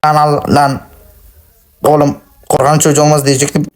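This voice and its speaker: Guy playing a mobile shooter, slightly high voice, excitable and swearing a lot, jokey about himself. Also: moderate pace. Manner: excitable, cursing, self-mocking. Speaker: gaming channel host. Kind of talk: casual gameplay commentary. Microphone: playing on a phone.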